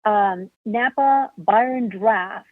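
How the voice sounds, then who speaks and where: A woman's voice: mid-range voice, slow pace, no echo. A woman from California calling in during public comment, wry and playful. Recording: tinny dry phone line.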